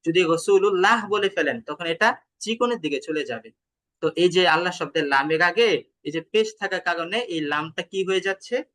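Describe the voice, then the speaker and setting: Male Quran teacher, Bangladeshi Bengali accent, bright, slightly high voice; patient explanations, slow chanted examples, over a video call. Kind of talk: online tajweed lesson.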